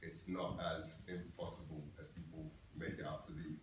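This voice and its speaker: A young man from Belgium with a very deep voice talks in a relaxed, filler-laden way. He is heard from across a very echoey room with faint hiss. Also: normal speed, recorded from a distance. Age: young adult. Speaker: engineering student. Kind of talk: speaking to visiting schoolchildren.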